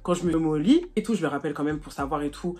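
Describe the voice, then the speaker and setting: A woman's voice: sits low, very fast. A young woman telling a personal story to her followers in a casual, chatty way, peppered with slang fillers and laughter. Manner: animated, laughs while telling. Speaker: vlogger.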